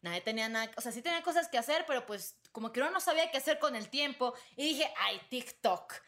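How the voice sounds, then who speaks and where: A woman in her twenties from Venezuela, a guest chatting casually on a podcast, reflective and trailing off softly. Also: sits high, lively intonation, fast talker. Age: 20s.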